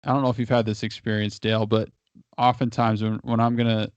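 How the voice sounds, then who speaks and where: A man's voice: on the low side, flat delivery, fast talker, clean tone, no room sound. A married man, a guest, giving casual advice in a long explanation, often restarting and repeating his words. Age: adult, married. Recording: dry, dull lo-fi audio.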